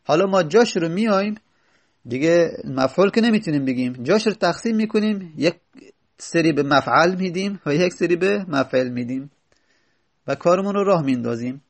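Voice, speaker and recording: Gravelly-voiced man explaining grammar. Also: fairly high pitch, animated. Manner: reads a text line, then explains it; asks and answers his own questions. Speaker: teacher. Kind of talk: teaching Arabic grammar from a classical text.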